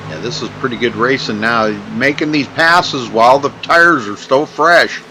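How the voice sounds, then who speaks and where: A man's voice: mid-range voice, moderate pace, noisy background. A man working as a motorsport commentator, giving casual, chatty live commentary on a race.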